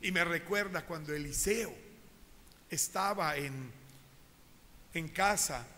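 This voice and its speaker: A man's voice: fairly high pitch, slow pace, pushed and bright. A man preaching a sermon as pastor, telling stories animatedly and addressing his congregation directly, in a reverberant church hall.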